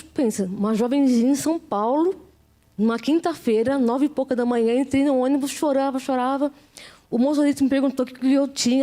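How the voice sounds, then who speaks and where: A woman's voice: high-pitched, dark tone. A middle-aged woman with a Brazilian Portuguese accent telling her personal testimony in a heartfelt, repetitive way. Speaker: missionary giving testimony.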